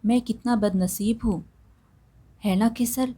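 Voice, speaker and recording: A woman voicing a sorrowful, gentle young husband who is bedridden, speaking in a pleading way. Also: on the high side, fairly even intonation, takes it slowly, slightly rough.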